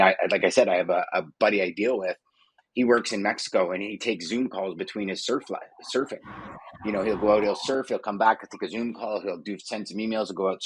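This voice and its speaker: A man's voice: lowish voice, husky, no echo. A man hosting a casual interview, rambling conversationally with lots of fillers. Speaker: podcast host.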